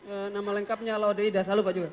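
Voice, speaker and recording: A man's voice: high-pitched, flat delivery, fast, darkish tone. Young man doing stand-up in a hall. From Wakatobi, Southeast Sulawesi. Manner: playful storytelling with mock dialogue. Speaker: stand-up comedian. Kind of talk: stand-up comedy set. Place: stage in a hall before an audience. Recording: reverberant hall, faint noise.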